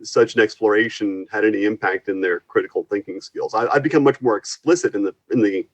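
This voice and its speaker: In a conversational interview, a university physics and astronomy instructor appears as a guest, his lowish voice moving at a quick pace through dull audio. He's earnest and likes to act out little quotes while explaining.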